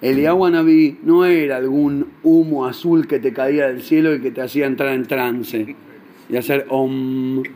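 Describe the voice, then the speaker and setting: A man with a Rioplatense accent tells a religious story with lively, animated delivery, slipping into the voices of his characters. His voice sits a little higher than most men's. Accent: Rioplatense Spanish. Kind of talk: storytelling sermon.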